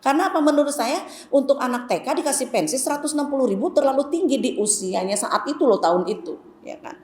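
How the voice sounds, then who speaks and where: Middle-aged female religious teacher, slightly high and lively storyteller, echoey hall. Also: fast. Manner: chatty, storytelling, addresses the women as "Bu". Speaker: Islamic women's teacher. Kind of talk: conversational Islamic lecture with anecdotes. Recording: echoey hall, faint background noise.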